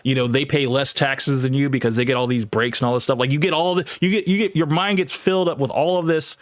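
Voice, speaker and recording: A man's voice: medium pitch, steady tone, fast talker, no room sound. Blunt guy debating online, keeps repeating himself, dry mic.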